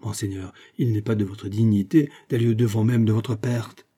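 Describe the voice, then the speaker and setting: Man playing urgent loyal adviser, pleading, dark husky voice. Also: lowish voice, fairly even intonation, normal speed. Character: loyal, anxious male adviser to a lord.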